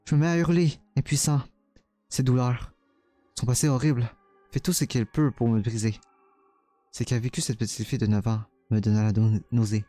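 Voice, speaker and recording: A man's voice: medium pitch, steady tone, moderate pace, warm tone, no echo, faint music behind, close to an everyday voice. A man reading a game's first-person narration as a tormented young man, dramatic and stumbling over words now and then. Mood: anguished.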